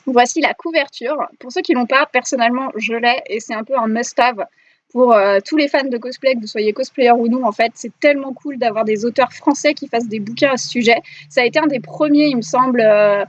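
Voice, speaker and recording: French lady hosting a live stream interview, high voice, chatty and bubbly, dull dry sound. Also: no echo. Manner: bubbly, chatty, talks to the chat.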